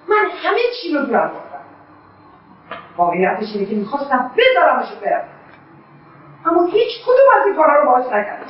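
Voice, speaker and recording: Bitter middle-aged mother, high lively voice, echoey distant lo-fi recording. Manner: bitter, scornful outbursts. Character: embittered mother, middle-aged, harsh and proud. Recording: echoey, distant, dull lo-fi sound.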